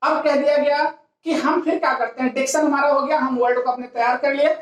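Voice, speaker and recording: A woman's voice: sits high, fairly even intonation, brisk. A woman teaching English grammar in a classroom lecture, explaining step by step and asking herself rhetorical questions. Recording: very echoey classroom.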